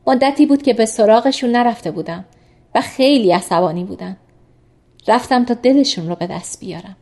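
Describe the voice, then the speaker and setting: Woman narrating a novel calmly. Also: a little high. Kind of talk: first-person audiobook narration.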